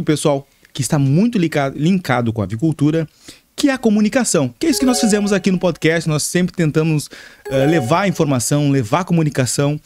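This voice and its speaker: Upbeat gaúcho podcast host, dry sound. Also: male voice, on the high side, a little mellow, no echo. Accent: gaúcho Brazilian Portuguese. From southern Brazil. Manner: upbeat, presenter-like opening. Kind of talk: podcast interview.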